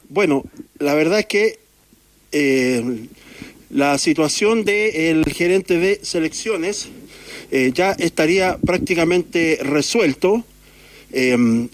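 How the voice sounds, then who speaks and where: Hoarse guy phoning in sports news, lots of ums, kinda high voice, dry sound. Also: takes it slowly, dry recording. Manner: hesitant, many filler sounds. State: hoarse from a cold. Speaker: sports reporter calling in. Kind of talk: phoned-in news report.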